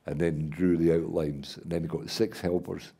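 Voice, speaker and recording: An older Scottish man with a deep, gravelly voice that has a husky edge. He tells stories at a rambling pace, stopping to restart his sentences, as the guest in an onstage conversation before an audience. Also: flat delivery, dark tone. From Scotland. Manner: rambling anecdotal, halting restarts. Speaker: guest artist and playwright. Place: event hall before an audience.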